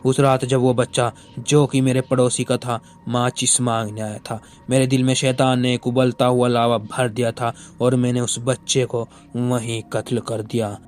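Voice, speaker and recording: A man's voice: medium pitch, level tone, moderate pace, few pauses, a little mellow, lightly acted. A man voicing a remorseful male ghost, centuries old, tearfully confessing his murders in a storybook tale.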